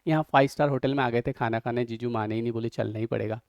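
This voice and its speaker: A man's voice: medium pitch, fairly even intonation, quick pace, dry recording, pitched below the performer's own voice, natural voice. A male teacher voicing a show-off young woman bragging on the phone, with a dry sound. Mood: boastful. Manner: boastful, name-dropping.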